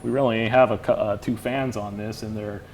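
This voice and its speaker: A man explaining a lighting fixture in a casual demo chat, relaxed and rambling, with lots of "you know". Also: on the low side, fast talker, slight background noise. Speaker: lighting product expert.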